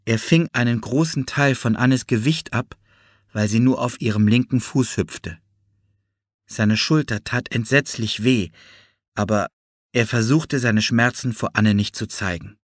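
A man narrating a children's audiobook with an expressive storytelling cadence. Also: mid-range voice, unhurried, dry recording, studio quality. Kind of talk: scripted narration.

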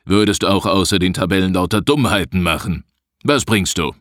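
A growling, curt old forester with a very deep, low voice, as a man reading puts him on. He is short-tempered and grumbles every word. The sound is dry and close. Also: normal speed, fairly bright tone, dry recording. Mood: grumpy. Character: gruff grumbling old male head forester.

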